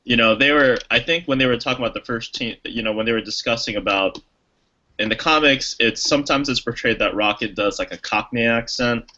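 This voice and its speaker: A podcast co-host with a medium-pitched voice talks a little fast, pushed and bright, though the recording cuts off the highs. He chats enthusiastically and casually about a movie, rambling with plenty of fillers.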